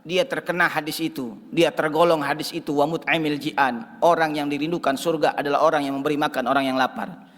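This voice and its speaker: A high-pitched male preacher delivers a Ramadan sermon as a dramatic story, repeating his phrases for emphasis. His voice carries a long reverberant tail through the mosque hall. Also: steady tone, a little fast, fairly bright tone.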